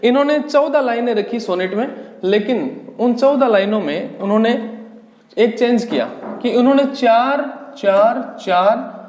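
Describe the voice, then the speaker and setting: A man teaching English literature for exam prep, explaining slowly, repeating key terms and asking rhetorical questions. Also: very high-pitched, darkish tone, a little hiss or hum. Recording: echoey, reverberant room.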